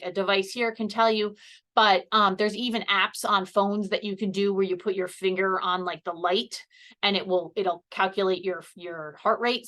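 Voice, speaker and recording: A woman giving a relaxed health presentation while seated. She speaks chattily, with plenty of fillers, and her voice has a bright, forceful edge as she explains each step. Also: medium pitch. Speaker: health educator. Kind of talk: casual instructional presentation. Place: seated indoors.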